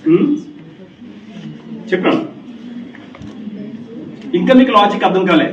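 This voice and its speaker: A man's voice: high voice, animated, unhurried, noisy background. A male English grammar teacher in a classroom, repeating key points and firing questions at his students. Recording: echoey, distant, dull classroom recording.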